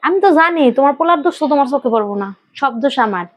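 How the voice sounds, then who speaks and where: A woman's voice: high voice, animated, racing. A woman playing an aggrieved wife in a family quarrel skit, complaining and scolding. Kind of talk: acted domestic quarrel skit.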